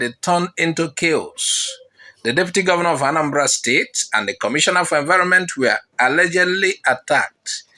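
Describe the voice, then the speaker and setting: A man reading out news commentary in a fairly high, lively voice that climbs and dips through each sentence. His tone is bright and forward, and he leans on rhetorical questions to build drama.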